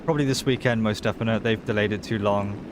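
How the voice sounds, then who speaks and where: A man livestreaming a game in casual chat, talking in excitable bro-and-dude slang. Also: fairly low pitch, quick pace, noisy background. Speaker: live game streamer.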